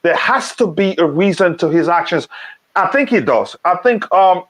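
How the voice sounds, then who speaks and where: A man's voice: sits high, animated, normal speed, a bit bright. A man who grew up in Nigeria, hosting a casual live football chat stream, reading out chat comments and talking with frequent ums and restarts.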